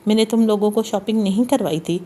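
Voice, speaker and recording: A woman's voice: medium pitch, lightly acted. A woman reading the part of a stern, jealous young husband in an audiobook, commanding and harsh. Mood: questioning. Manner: commanding and harsh, then softening.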